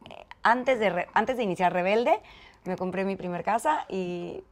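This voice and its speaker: A woman's voice: medium pitch, moderate pace. A woman with a Mexican accent, a guest in an interview, telling a personal story and acting out the dialogue. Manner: animated, acts out quoted dialogue. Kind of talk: conversational storytelling.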